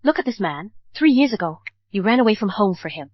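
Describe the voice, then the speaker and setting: Protective mother, lively in tone. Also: medium pitch, fairly quick, dry recording. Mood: earnest. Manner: earnest, advising. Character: calm, protective wealthy mother. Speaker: bride's mother. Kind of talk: English drama dub. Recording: dull dry studio dub.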